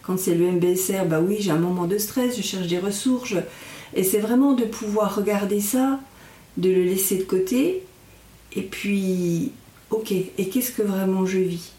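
In a reverberant room, a woman talks at some distance from the microphone. Her voice sits at a middle pitch. She explains reflectively and haltingly as an interviewed instructor, often searching for the right words. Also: dark tone. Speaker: mindfulness instructor and guest.

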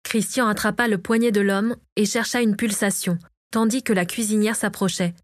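Woman narrator, audiobook reading, dry close voice, mid pitch, measured. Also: steady tone, dry recording.

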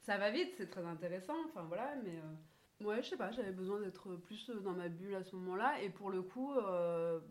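A young woman guest in a casual podcast chat, talking hesitantly with many pauses and soft laughs. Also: medium pitch, expressive.

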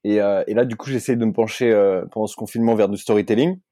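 A man's voice: lowish voice, fast talker, warm tone, no room sound. A man co-hosting a comedy podcast, chatting casually, laughing often and repeating his words. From Corsica and mainland France. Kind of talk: casual chat.

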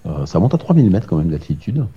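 A man's voice: sits low, sing-song, fast, breathy edge. A man in his forties chatting casually about a long bike race, with many fillers and dry jokes. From France. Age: 40s. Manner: hesitant, many fillers, joking. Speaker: amateur ultra-distance cyclist. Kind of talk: casual interview talk. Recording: dull lo-fi sound with music behind.

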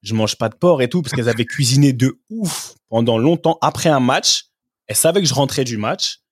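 A man's voice: mid-range voice, brisk, husky, no room sound, studio quality. A man who is a former professional footballer, a guest telling anecdotes in a casual podcast chat and often adding "tu vois".

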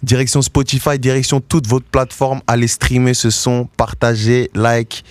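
A man's voice: medium pitch, normal speed, no room sound. Laid-back young man from DR Congo. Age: 20s. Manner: relaxed, laid-back, mixes English slang. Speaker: guest musician. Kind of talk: casual radio interview.

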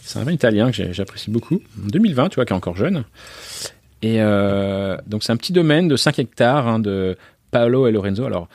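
A man's voice: fairly low pitch, very animated, fairly quick, a little mellow, no echo. A man hosting a podcast, chatting casually through a wine tasting, describing it with many hesitations and fillers. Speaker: podcast host.

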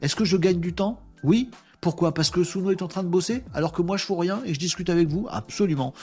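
A man's voice: high voice, a little fast, darkish tone, faint music behind. A man hosting a live stream in casual chat, joking and thinking aloud with many fillers as he works at his computer. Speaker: live show host.

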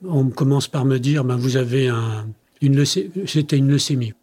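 A man's voice: medium pitch, fairly even intonation, normal speed, darkish tone. An older man, a company president interviewed as a guest, tells personal stories in conversation and acts out the dialogue he quotes.

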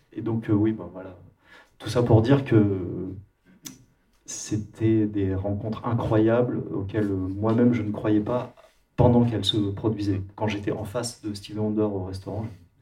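A man from France speaks in a relaxed, hesitant interview manner, often pausing and restarting his sentences. His voice is mellow and somewhat low. He sounds a little distant from the microphone. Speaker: interviewed musician and producer.

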